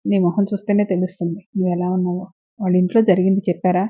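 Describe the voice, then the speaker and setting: A woman voicing a gentle, concerned middle-aged father who asks soft questions, in a dull lo-fi recording. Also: fairly low pitch, little pitch movement, quick pace, dry recording, natural voice.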